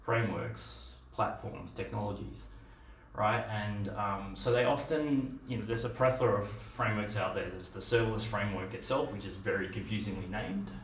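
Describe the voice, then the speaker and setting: A middle-aged Australian man talks at a meetup conference session in a relaxed, conversational manner, with fillers and restarts throughout. His voice is on the low side, with fairly even intonation and a moderate pace. A far camera captures the dim, echoey room with its projector screen, plus slight background noise.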